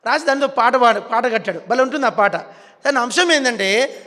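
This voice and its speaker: A man's voice: very high voice, fairly quick, bright, forceful tone. A male preacher with a Telugu accent, preaching a sermon and coaxing the congregation to repeat words after him. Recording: long hall reverb.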